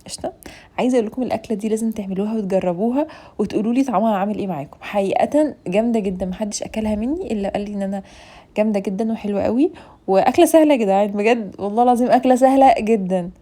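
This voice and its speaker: Egyptian woman vlogger, very fast and chatty, mellow tone, teasing home-cooking host. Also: medium pitch. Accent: Egyptian Arabic. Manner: talkative, playful, teasing, addresses viewers directly.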